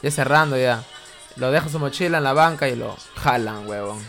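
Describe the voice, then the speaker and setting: A man's voice: medium pitch, brisk, gravelly, music in the background. A young man with a Peruvian Spanish accent, co-hosting a podcast, telling crude, slangy stories and laughing often. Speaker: podcast co-host. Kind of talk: casual chat.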